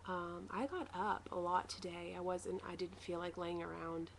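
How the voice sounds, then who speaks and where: A woman with a slightly low voice records a casual video diary at home. She rambles along in a matter-of-fact way, as a vlogger would. There is light noise in the recording. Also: fairly even intonation, moderate pace. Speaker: vlogger sharing a weight-loss surgery recovery diary.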